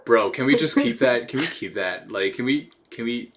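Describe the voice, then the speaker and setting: A man's voice: mid-range voice, lively intonation, normal speed. A man co-hosting a casual streamed hangout, loose and laughing, swearing freely, on a weak video call microphone. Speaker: co-host. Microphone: weak video call mic.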